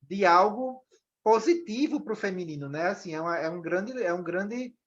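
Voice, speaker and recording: A man's voice: high-pitched, lively intonation, moderate pace, lo-fi sound. A man moderating a discussion after a film screening, talking with many restarts and "né?" tags.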